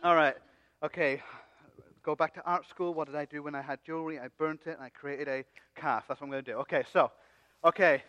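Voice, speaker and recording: A man's voice: on the high side, steady tone, a little fast, a bit bright, close to an everyday voice. A man playing Aaron as a cocky, joking leader who coaxes the crowd in a comic church skit. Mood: playful scheming. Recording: dull sound with long hall reverb.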